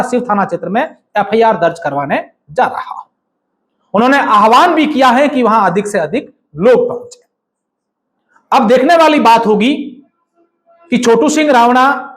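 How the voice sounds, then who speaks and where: A man giving measured, explanatory political news commentary, often adding hedging remarks. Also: very high voice.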